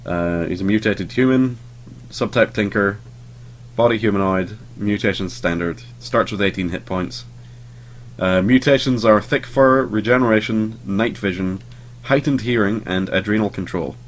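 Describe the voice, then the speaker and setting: A young man hosting a let's play, just over a cold, talks casually through his game in a sleepy, rambling way full of ums and offhand swearing. His voice is on the low side at normal speed, with a little hiss or hum in the recording.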